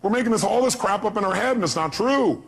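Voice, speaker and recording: A man giving a motivational seminar talk, animated and acting out the voices he quotes, sometimes shouting. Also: high-pitched, fast, gravelly, slightly rough. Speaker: motivational speaker.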